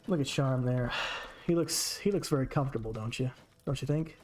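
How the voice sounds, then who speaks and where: A man's voice: mid-range voice, fairly quick, darkish tone. A man streaming a game with casual commentary, chatting to his characters as he plays.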